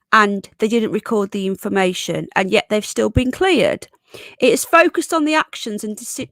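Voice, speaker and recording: A British woman with a mid-range voice hosts a live stream, croaky and congested from a cold, with no room sound. She reads the news, chats casually, reads chat comments aloud and greets viewers.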